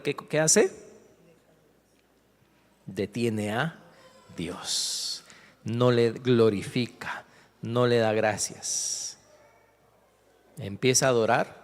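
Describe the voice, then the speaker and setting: A male pastor preaching a sermon, driving points home with rhetorical questions and emphatic repetition. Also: on the high side. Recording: long hall reverb.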